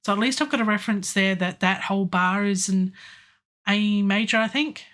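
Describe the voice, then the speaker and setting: Streaming her songwriting session from an indoor home studio, a middle-aged music producer talks casually as she works, pausing often and saying um a lot. Her voice is medium-pitched, steady and a bit bright, though hoarse from a sore throat, with faint session music playing behind her.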